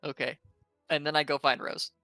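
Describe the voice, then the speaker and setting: Bright, crisp-voiced man playing a tabletop game. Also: a little high, little pitch movement, no room sound, soft background music. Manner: eager, thinking aloud, quick restarts. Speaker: player. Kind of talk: casual tabletop game talk.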